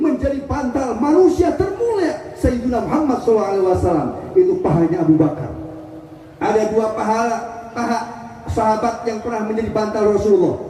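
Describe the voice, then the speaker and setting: A man's voice: very high-pitched, dark tone. A male preacher giving a humorous religious sermon, telling a story with jokes and often turning to the audience directly. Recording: echoey hall from a distance with faint hiss.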